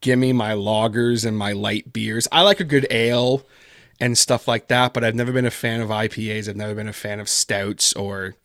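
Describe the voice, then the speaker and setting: With a fairly low, steady voice of fairly bright tone, a man speaks at a normal speed in a studio-quality, echo-free recording. He's a podcast guest and horror story writer based in Canada, chatting casually and rambling, his speech heavy with "like" and "kinda".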